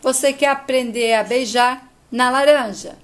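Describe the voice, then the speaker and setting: A woman's voice: high-pitched, fairly even intonation, a little slow. Woman doing a flirty guy, teasing and playful, still her own voice.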